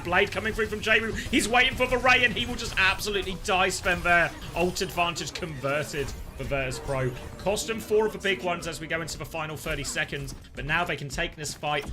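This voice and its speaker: A man's voice: fairly high pitch, noisy background. A man doing live play-by-play esports commentary in urgent, clipped calls that rise with the action.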